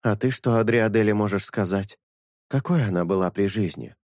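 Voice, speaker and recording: Male narrator as a sincere young priest: measured, thoughtful, low voice, dry close sound. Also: darkish tone, dry recording, natural voice. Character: earnest young male priest, calm and honest.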